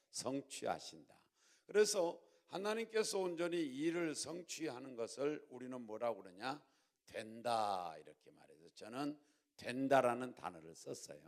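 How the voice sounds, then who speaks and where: Middle-aged pastor, male, from Jeolla, animated sermon delivery with a rising and falling voice, drives key lines home through repetition. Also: medium pitch, normal speed. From Jeolla, Korea. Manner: emphatic, repeats key phrases, leads congregation in call-and-response.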